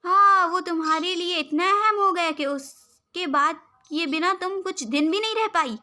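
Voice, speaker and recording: Jealous, stubborn young man, storybook reading voiced by a woman, high and brooding. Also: unhurried, pushed and bright, full character voice. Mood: bitter.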